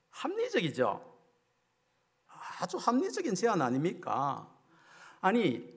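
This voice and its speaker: Middle-aged male revival preacher with a high-pitched, animated, emphatic delivery built on rhetorical questions. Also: breathy edge. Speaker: guest preacher at a revival meeting. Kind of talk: sermon.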